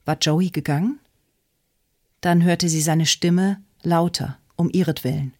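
A woman narrating an audiobook in a tense, steady storytelling manner. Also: on the low side, a little slow, no echo, studio quality. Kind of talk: scripted narration.

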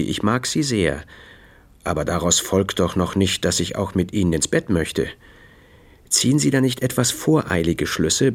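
A man's voice: on the low side, vocal fry, full character voice. A man voicing a proud, guarded adult woman in an audiobook, talking with slightly raised indignation. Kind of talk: audiobook character voice.

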